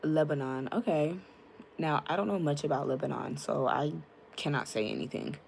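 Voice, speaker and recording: Low gravelly woman livestreaming. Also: expressive, normal speed, darkish tone, slight background noise. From United States. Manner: chatty and frank, addresses viewers by name, many "like" fillers. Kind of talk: casual live-stream chat with viewers. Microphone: tablet mic.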